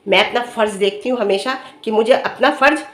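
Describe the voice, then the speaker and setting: A middle-aged woman speaks straight to her viewers in a high voice. She lectures earnestly about family duty, scolding and firing off rhetorical questions. The room around her sounds roomy and echoey. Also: a little fast. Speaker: vlogger commenting on another family's dispute. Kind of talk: direct-to-camera opinion commentary.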